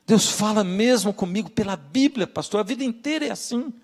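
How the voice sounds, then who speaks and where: A man's voice: high voice, expressive, a little fast, a little mellow, big-room sound, pitched above the performer's own voice. A man voicing a devout woman of nearly ninety who scolds her son, emphatic and insistent. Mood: earnest.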